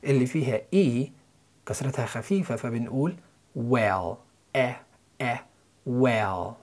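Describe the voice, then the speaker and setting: A man's voice: medium pitch, a little fast, darkish tone. A man with an Egyptian Arabic accent, explaining English pronunciation step by step as a listening-course teacher.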